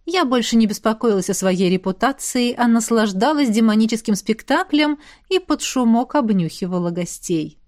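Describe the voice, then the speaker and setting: A woman narrating a first-person fantasy audiobook in a wry, lively storytelling manner. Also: fairly high pitch, moderate pace, hardly any pauses.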